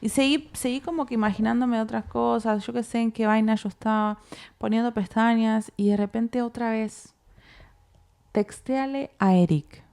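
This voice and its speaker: A woman from Uruguay with a Uruguayan Spanish accent, co-hosting and telling a personal faith story in a casual, animated way, acting out her own inner dialogue. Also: on the high side, normal speed, vocal fry, clear, resonant tone. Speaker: co-host.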